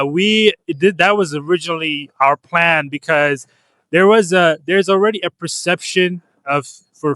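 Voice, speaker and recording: A man's voice: a little high, pushed and bright, clear, resonant tone, no room sound. Earnest man from Ethiopia, dry sound. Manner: earnest, with frequent restarts. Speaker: comics publisher, interviewee. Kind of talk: casual interview answers. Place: comic convention floor.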